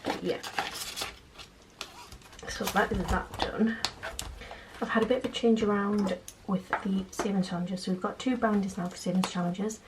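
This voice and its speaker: A young British vlogger hosts her channel from home at night, speaking in a hushed, casual way so she won't wake her sleeping children. Her mid-range voice stays fairly even at a moderate pace as she chats through a budgeting video while counting cash. The home recording is clearly noisy, with audible clicks.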